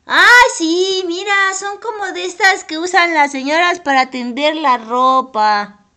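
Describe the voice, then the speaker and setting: Woman voicing a squeaky excitable boy. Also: unhurried, full character voice. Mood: excited. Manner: squeaky, excitable, easily distracted. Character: excitable boy character playing with toy footballers. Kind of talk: children's educational cartoon acting.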